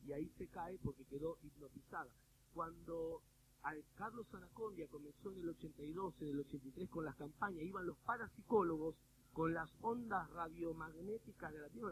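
A man preaching a sermon with an Argentine accent, animated and humorous, often mimicking people in little quoted bits. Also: a little high. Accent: Argentine Spanish. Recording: phone-like radio broadcast with faint noise.

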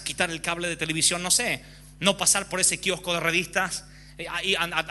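Bright-voiced impassioned male preacher. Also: a little high, a little hiss or hum. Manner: impassioned, frank, acts out examples. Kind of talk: sermon.

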